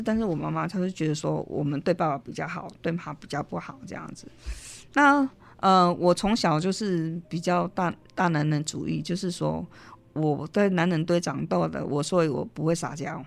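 A middle-aged woman with a Taiwanese accent, an interview guest telling a personal story, lively and acting out the lines she quotes. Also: sits low, gravelly. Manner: lively storyteller, mixes in Hokkien, acts out quotes.

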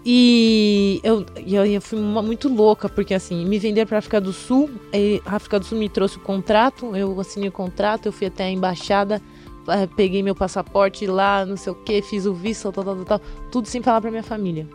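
A woman's voice: mid-range voice, a little fast, soft background music. A young Brazilian woman, a fashion model, tells stories from her career in a casual interview, acting out other people's voices as she goes. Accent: Brazilian Portuguese. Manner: lively storyteller who acts out other people's voices.

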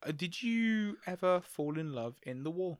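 A man's voice: sits high, expressive, moderate pace, no room sound, clean studio sound. A man co-hosting a comedy podcast, joking playfully and tripping over his words. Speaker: podcast co-host.

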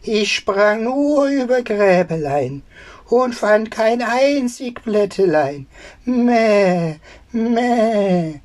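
A reader voicing a spiteful, lying nanny goat in a fairy tale read aloud, with a high bleating voice. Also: animated, very slow, darkish tone. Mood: mocking.

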